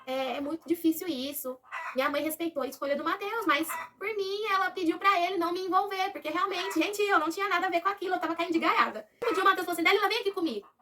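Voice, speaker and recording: A Brazilian woman telling a personal story to her viewers in a casual, animated way, acting out what others said. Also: very high voice, rapid-fire, hardly any pauses, distant mic, background noise.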